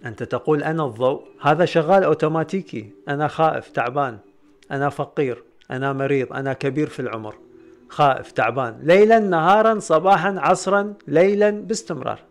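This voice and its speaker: A man giving a spiritual lecture, repeating phrases again and again and swinging from loud raised bursts down to low murmurs. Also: fast. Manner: repetitive, chanting phrases over and over. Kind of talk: metaphysics lecture to a camera.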